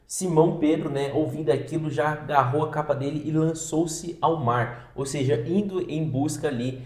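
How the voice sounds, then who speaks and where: A man's voice: a little high, moderate pace, darkish tone. A man co-hosting a podcast, discussing Bible passages in a casual, conversational way with frequent tag questions. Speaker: podcast co-host. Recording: roomy echoey sound.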